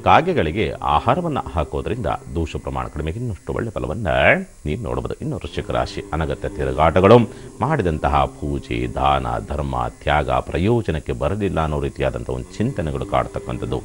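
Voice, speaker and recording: Man astrologer on tv, super low voice, calm reassuring tone, reels off predictions one after another. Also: brisk. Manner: soothing, reassuring counsel; steady listing of predictions. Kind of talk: call-in horoscope advice.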